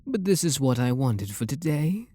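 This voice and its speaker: A man in an ASMR roleplay portrays a refined vampire lord, possessive and British-accented, speaking softly, deliberately and with genteel flirtation. His mid-range voice has a sing-song quality, and the mood is gently insistent.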